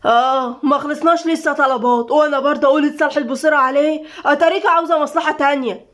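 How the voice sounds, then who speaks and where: A harsh, sneering husband with an Egyptian accent barks and mocks in a spoken storybook, voiced by a woman. The delivery is quick and clipped. The voice sits high for a man. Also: fairly even intonation, fairly bright tone. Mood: scornful. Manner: harsh, mocking. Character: gruff controlling husband, man, middle-aged.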